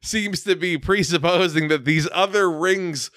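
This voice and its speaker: A man's voice: high voice, measured pace, fairly bright tone, dry recording. A man in casual podcast chat, sardonic and profane, often laughing mid-sentence while reacting to trailers. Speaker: podcast co-host.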